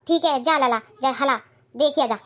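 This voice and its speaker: A woman puts on a doting old grandmother from a village for a cartoon. She fusses and scolds in a high, bright voice. Her pitch sits well above the usual. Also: moderate pace. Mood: worried. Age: older. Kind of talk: cartoon dialogue.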